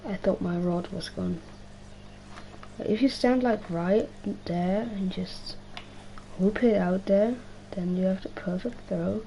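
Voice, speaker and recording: Worn-voiced woman streamer, slow and mellow. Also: medium pitch, creaky, dull audio, slight background noise. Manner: rambling, slangy, swears, talks to herself. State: strained, worn-out voice. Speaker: gaming livestreamer. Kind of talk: casual live-stream chat while playing.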